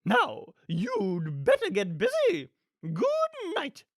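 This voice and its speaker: Pushing her voice up into a high, heavily acted register, a woman plays an imperious, gleefully murderous rich villainess from a storybook. She draws out her words with vocal fry and huge swings in pitch, sounding haughty, theatrical, commanding and gleefully menacing. It's studio quality with no room sound.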